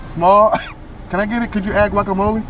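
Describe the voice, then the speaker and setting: A young man in his car ordering at a fast-food drive-through, stumbling and restarting as he works out the menu. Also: high-pitched, flat delivery, highs cut off, background noise. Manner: hesitant, stumbling over the menu. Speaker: food vlogger.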